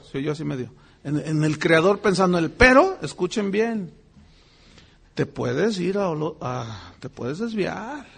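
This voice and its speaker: A man preaching a sermon as pastor, animated and acting out voices and exclamations. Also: a little high, creaky, breathy edge.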